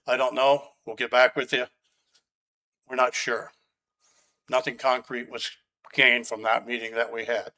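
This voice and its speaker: A man's voice: mid-range voice, fairly bright tone. A man speaking at a county meeting as a resident giving public comment, blunt and sarcastic, angry about the project. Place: county commission meeting room.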